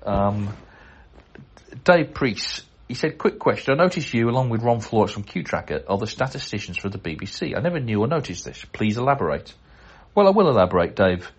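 A middle-aged man with a lowish voice hosts a casual podcast. He reads listener mail aloud and keeps stopping to chuckle and poke fun at himself. His delivery is relaxed and conversational, with plenty of asides. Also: fairly quick, highs cut off. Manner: chatty, chuckling, self-deprecating asides. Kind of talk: casual chat and letter reading.

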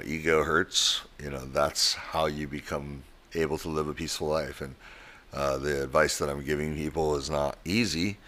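A man's voice: a bass voice, fairly bright tone. A man hosting a podcast as a coach, giving casual advice in a blunt, emphatic way.

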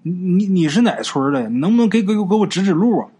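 A man's voice: sits high, sing-song, quick pace, mellow, husky, heavily acted. A man voicing a frightened, stammering village carpenter who is lost at night, in a spoken ghost story. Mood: scared. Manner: timid, stammering.

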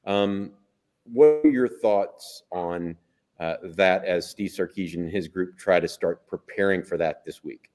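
Deep-voiced sports radio host. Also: male voice, unhurried, darkish tone. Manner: conversational, asks guest questions. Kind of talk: casual sports talk.

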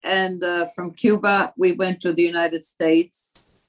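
A woman in her eighties from France, recounting family history as a guest in a measured way with frequent hesitant pauses. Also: lowish voice, little pitch movement, poor audio. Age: 80s. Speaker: guest, grandmother.

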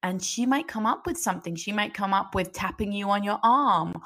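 A woman guest on a parenting conversation, giving advice with animated energy. She keeps her voice in a middle register and now and then acts out gentle phrases as if speaking to a child. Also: medium pitch, brisk.

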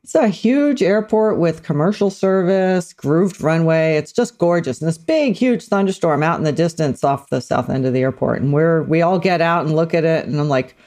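Animated woman telling a story. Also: deep voice, moderate pace, hardly any pauses. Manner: animated storyteller, voices quoted people. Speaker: podcast co-host. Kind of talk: casual storytelling chat.

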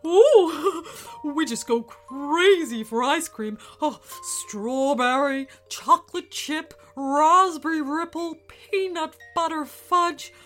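A jittery, apologetic dinosaur, put on by a woman reading a storybook, who trips over his words in a high, sing-song voice that swoops up and down. He speaks slowly and fussily, with soft music playing underneath. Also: sing-song, full character voice. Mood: gleeful. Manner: stammering, fussy and apologetic. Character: nervous, polite male dinosaur in disguise. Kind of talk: storybook character voice.

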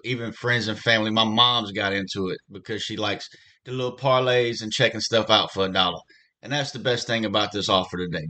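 A man's voice: on the low side, pushed and bright. A man reading the legal disclaimer at the end of an ad, rattling off the terms. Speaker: podcast host reading a sponsor ad. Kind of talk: ad read ending in a legal disclaimer.

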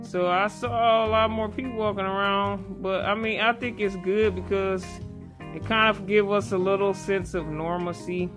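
A woman host talks through a face mask, so her words come slightly muffled. Her pitch is average and her delivery is folksy and earnest, in a casual interview style. Guitar music plays clearly behind her. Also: fairly even intonation, normal speed.

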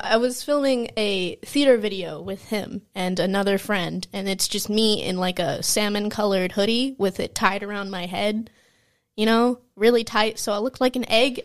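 Giggly young woman rambling on a podcast. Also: fairly high pitch. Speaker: podcast co-host. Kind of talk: casual chat.

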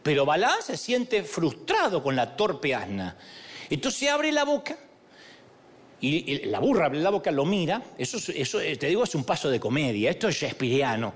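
A man's voice: fairly high pitch, huge pitch swings, normal speed, slightly rough. A man preaching a sermon in a humorous, storytelling way, acting out the voices of the people in his stories.

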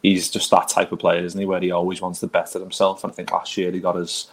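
A low-pitched male podcast host with a Liverpool accent chats about football. He is blokey and informal, throwing in slang and swearing as he talks to his mates. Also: monotone, quick pace. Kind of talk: casual football chat.

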